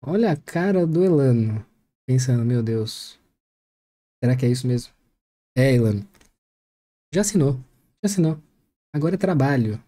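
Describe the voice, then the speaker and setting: A man's voice: mid-range voice, animated, moderate pace, long pauses, dark tone. A man hosting a reaction video, making jokey, chatty asides about a press conference. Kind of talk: casual joking commentary.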